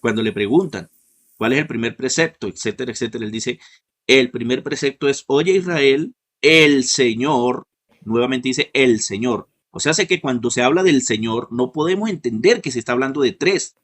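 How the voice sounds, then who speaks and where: A man hosting and moderating an online debate, speaking in a measured, questioning way and handing the floor to his guests. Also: mid-range voice, lively intonation. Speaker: host and moderator.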